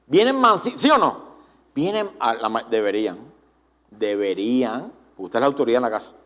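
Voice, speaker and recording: A man preaching a Sunday sermon in church as pastor, animated and often asking the congregation direct questions. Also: mid-range voice, moderate pace.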